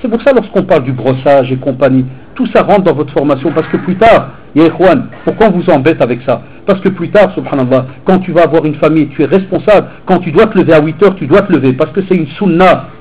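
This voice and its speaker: A man, a teacher and preacher, giving an animated, informal sermon to teenagers and mixing street talk with religious phrases. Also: on the high side, fast talker, few pauses, husky, highs cut off. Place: hall in Belgium.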